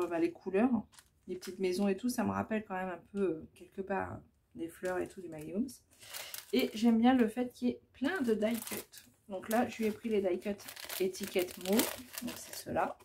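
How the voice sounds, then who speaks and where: A woman's voice: medium pitch, vocal fry, dark tone, a little hiss or hum. A woman chatting casually as she shows off her scrapbooking crafts, hesitant and full of fillers. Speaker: scrapbooking vlogger. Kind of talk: casual show-and-tell.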